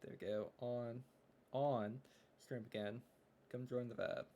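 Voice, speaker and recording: A man's voice: mid-range voice, fairly even intonation, measured pace, dark tone. A young man streaming live, chatting casually and thinking aloud as he works on a game, often trailing off into mumbles.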